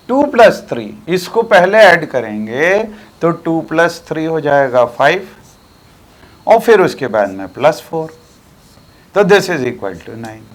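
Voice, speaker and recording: An older man with an Indian accent teaching a classroom maths lesson, explaining patiently with emphatic stresses. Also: fairly high pitch.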